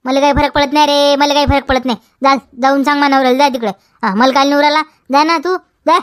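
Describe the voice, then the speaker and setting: A woman's voice: sits high, fairly even intonation, fast, no room sound, clean studio sound, lightly acted. A woman with a Vidarbha Marathi accent playing a quarrelsome village wife who argues back and repeats her questions in a comedy sketch. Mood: dismissive. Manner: argumentative, repeats questions, tags "हा?".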